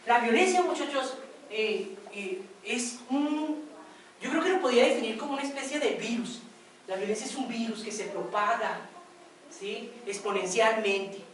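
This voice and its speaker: A woman gives a classroom lecture and tells stories in a chatty way, often checking that her listeners follow. Her voice sits a little high. She sounds far from the mic in a very echoey room, with faint ambience behind her. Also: unhurried, slight background noise. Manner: conversational, asks for confirmation. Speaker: workshop instructor.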